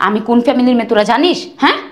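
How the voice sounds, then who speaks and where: A high-voiced, arrogant rich bride, played by a young woman in a short drama, rattling off sneering insults at speed. The room is echoey. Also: expressive, very fast, noisy background, lightly acted. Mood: contemptuous.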